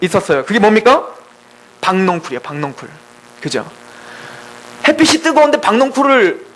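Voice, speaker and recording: A man preaching a sermon, retelling a story with animated storytelling and frequent questions to the congregation. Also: high voice, poor audio.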